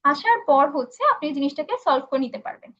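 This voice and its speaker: A woman's voice: high-pitched, animated, fast, a bit bright. A woman instructor answering viewers' questions in a live online English class. She explains patiently, with many fillers, and mixes in English phrases. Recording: dull lo-fi stream audio.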